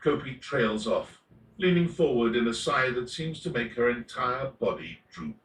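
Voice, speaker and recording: A man reading scripted game narration in a measured, descriptive way. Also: medium pitch, expressive, fairly bright tone, echoey room, distant mic, slight background noise, low-quality recording.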